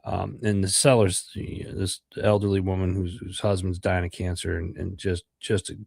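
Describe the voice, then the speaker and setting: Deep, level, and delivered at a moderate pace, this middle-aged American man's voice is creaky, a little mellow, and breathy at the edges. Congested from a cold, he hosts a podcast livestream in a meandering chat heavy with fillers and repeated words. The studio sound is clean, with no echo.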